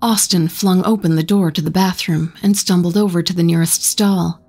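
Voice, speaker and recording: A woman narrating a horror short story in a slow, measured storytelling manner. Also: fairly low pitch, steady tone, dark tone, faint music behind.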